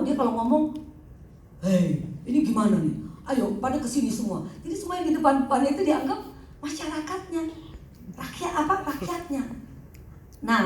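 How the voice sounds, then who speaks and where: Animated woman teaching in an echoey hall. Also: sits high, a little hiss or hum. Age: middle-aged. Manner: animated, acts out patients' voices. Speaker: counselor giving a talk. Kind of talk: teaching talk to a group. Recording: echoey hall, mic at a distance.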